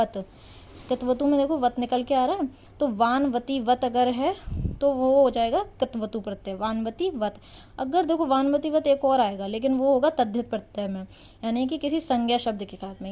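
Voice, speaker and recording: Mellow woman teaching, self-quizzing. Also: high voice. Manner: asks questions then answers them herself; repeats key terms with ok checks. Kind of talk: explaining Sanskrit grammar lesson. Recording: dull lo-fi recording.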